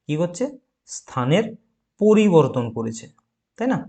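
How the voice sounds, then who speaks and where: A male teacher running an exam-prep grammar lesson. He keeps asking questions and answering them himself, and he repeats key words, dragging them out slowly. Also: fairly high pitch, darkish tone. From West Bengal.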